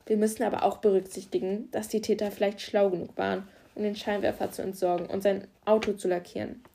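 A woman's voice: mid-range voice, level tone, fast talker, gravelly, warm tone, slight background noise, close to an everyday voice. A woman voicing a determined, caring male police officer who speaks firmly and reassuringly in an audiobook. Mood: commanding. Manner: firm, commanding, reassuring.

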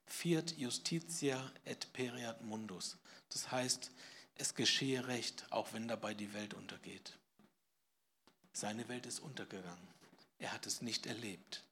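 A man preaching a sermon to a live congregation, swinging from hushed whispers to loud emphasis and putting questions to his listeners. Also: lowish voice, fairly even intonation, measured pace, long pauses, a little hiss or hum. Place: church service, in front of a congregation.

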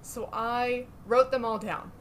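A woman's voice: a little high, steady tone, slow pace, slight background noise. A young adult woman co-hosting a podcast, talking in a chatty, giggly way. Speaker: podcast co-host. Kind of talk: casual chat.

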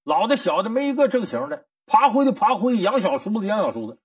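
A man's voice: high-pitched, sing-song, fast talker, husky, distant mic, voice pushed up, full character voice. A man voicing an old, boastful, drunken male servant in a storytelling lesson, scolding and bragging.

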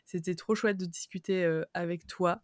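A woman with a Vendée accent hosts a podcast in loose, chatty talk, her voice tired and slightly strained. Her pitch sits rather low and the sound is dry and close. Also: moderate pace, no room sound. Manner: chatty, lively, laughs often. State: tired voice, throat worn. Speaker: podcast host. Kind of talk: casual podcast chat.

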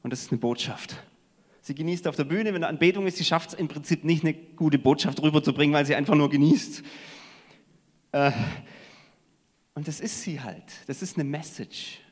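A man preaching a sermon in a conversational way, swinging between emphatic stresses and hushed asides. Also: fairly high pitch, moderate pace. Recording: long hall reverb.

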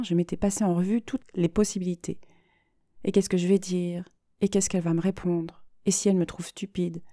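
A woman's voice: medium pitch, warm tone, no echo, studio quality, close to an everyday voice. A woman reading the part of an anxious, shy young woman who confides her fears hesitantly to a therapist. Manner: hesitant, self-doubting confiding.

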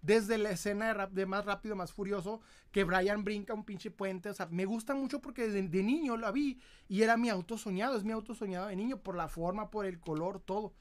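A man's voice: high voice, a little fast, hardly any pauses. A man with a Mexican accent hosting a collectibles livestream, telling rambling, profane anecdotes in casual chat. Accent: Mexican Spanish.

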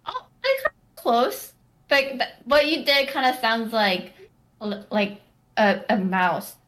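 A woman's voice: a little high, lively intonation, takes it slowly, a bit bright. A woman hosting a casual chat and teaching Korean sounds, laughing often and teasing.

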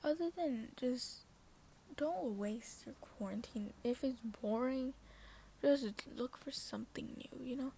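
A woman's voice: high voice, slow, gravelly, dark tone, slight background noise. Rambling half-whispering young-sounding woman. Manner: rambling, self-conscious, apologetic. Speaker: podcast host. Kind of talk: casual solo talk.

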